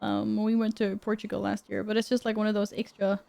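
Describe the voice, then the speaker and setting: A woman's voice: medium pitch, flat delivery, fast talker, creaky, warm tone. A young woman from Sweden, chatting casually with her stream viewers from her apartment, reading their messages aloud and laughing often. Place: apartment room at home.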